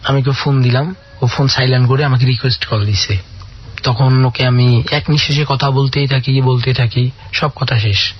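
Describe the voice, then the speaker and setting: A man's voice: medium pitch, steady tone, moderate pace. A man calling in to a radio show, earnestly telling a long personal story full of quoted dialogue. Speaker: caller. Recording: dull lo-fi radio audio.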